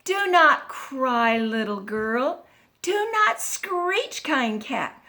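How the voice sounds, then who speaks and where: A gentle storybook mother soothing her little girl, as a woman reads her part. Her voice is calm and reassuring, slow and high, and it rises and falls warmly across a wide range. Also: full character voice.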